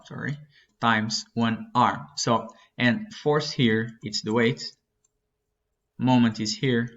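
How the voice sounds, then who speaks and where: A young man teaching a flight-prep lesson as he works through a chart, talking in a halting way with many fillers and self-corrections. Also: fairly low pitch, fairly bright tone. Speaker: flight instructor. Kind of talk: screen-recorded lesson walkthrough. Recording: dull lo-fi sound.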